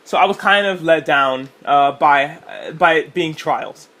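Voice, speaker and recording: A man with a high, bright, ringing voice talks his way through a games showcase recap. He rambles casually, glances at his notes and swears without thinking about it. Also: unhurried. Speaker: co-host. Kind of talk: casual game-showcase reaction chat.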